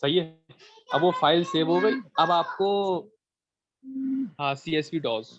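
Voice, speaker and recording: A man's voice: a little high, slow pace, soft background music. A man explaining a computer task over a voice call, patiently going step by step and checking that the listener is following. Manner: patient, repeats checks for understanding. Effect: heard over a voice call. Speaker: instructor. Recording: dull, lo-fi call audio.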